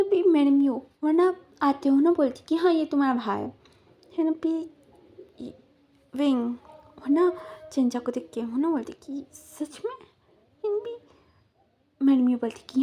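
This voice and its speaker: A woman casually retelling a story, rambling and full of repeated fillers. Her voice sits high and sounds mellow and husky.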